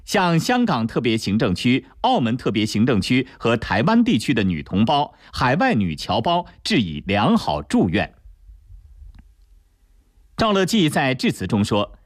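A man's voice: mid-range voice, huge pitch swings, measured pace, no room sound, studio quality. A man with a standard mainland Mandarin accent giving formal, solemn, declamatory scripted news narration.

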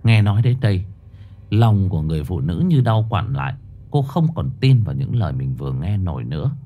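A man narrating a ghost story in a low, hushed, expressive storytelling voice. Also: brisk.

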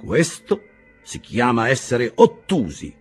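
A man's voice: mid-range voice, huge pitch swings, takes it slowly, a little mellow, slightly rough, faint music behind, pitched above the performer's own voice, heavily acted. A man voicing an eloquent, sarcastic Italian humanist who speaks in a declamatory, mocking way. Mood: mocking grandiloquence.

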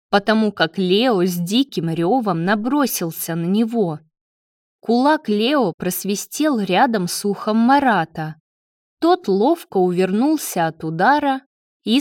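A woman narrating an audiobook in a steady, measured reading voice. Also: medium pitch, dry recording, clean studio sound.

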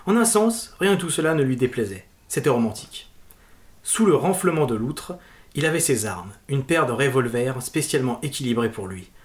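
A man's voice: medium pitch, expressive, normal speed. A man reading literary prose aloud as a narrator. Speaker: co-host reading a novel excerpt.

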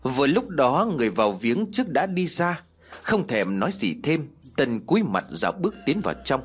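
A man narrating an audiobook ghost story in expressive storytelling fashion. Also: medium pitch, normal speed, slightly rough.

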